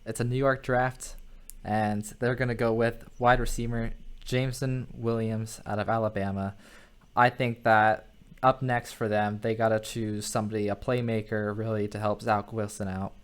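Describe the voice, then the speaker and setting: A man's voice: on the low side, level tone, normal speed, clear, resonant tone. A man co-hosting a casual sports podcast, moving the discussion along.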